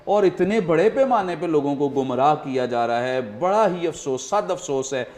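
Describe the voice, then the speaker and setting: A man's voice: on the high side, expressive, darkish tone. A man hosting a studio talk show, explaining earnestly and often using fillers. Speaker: host.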